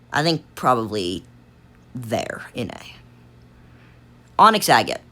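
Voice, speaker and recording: A woman with a strikingly low voice talks through a gaming tier list, thinking out loud. Her delivery wanders and restarts, full of fillers, while her pitch rises and falls in a lively, animated way. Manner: rambling, thinks aloud with many fillers and restarts. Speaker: gaming video creator. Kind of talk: casual tier-list commentary.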